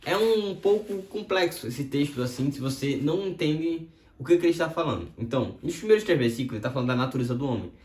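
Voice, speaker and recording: A man teaching from the Bible and telling a story with a lot of expression. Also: quick pace. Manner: expressive storytelling with swings in pitch. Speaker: preacher. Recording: roomy echo.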